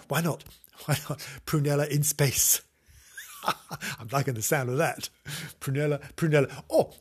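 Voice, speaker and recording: A man's voice: mid-range voice, husky. A man hosting his own podcast, chatting alone in a rambling, playful way and laughing often at himself. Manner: giggly, playful, talks to himself. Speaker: podcast host. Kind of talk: rambling solo podcast chat.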